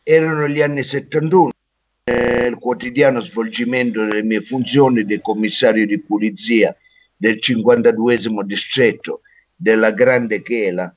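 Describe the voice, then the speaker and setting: A man's voice: medium pitch, steady tone, normal speed, no room sound. A man putting on a boastful police inspector calling in over a phone line, pompous and muddling his words. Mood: self-important. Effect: heard over a phone line. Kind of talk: comedy radio sketch.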